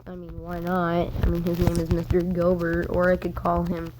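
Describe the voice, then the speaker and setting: Rambling young storyteller over noisy gameplay. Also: female voice, lowish voice, completely flat delivery, moderate pace. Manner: rambling, acts out other people's lines in bursts. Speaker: gaming vlogger. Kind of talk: casual storytime while playing a game. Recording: noisy game capture with clicks.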